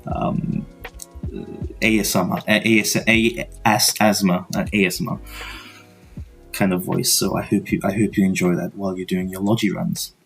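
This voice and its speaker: A young man hosting a podcast in a casual, rambling monologue from his dorm room, speaking in a quiet, just-woken-up voice with many stuttered restarts and casual swearing. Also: low-pitched, little pitch movement, moderate pace, vocal fry, soft background music. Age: young adult. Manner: quiet morning voice. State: just woke up. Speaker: podcast host.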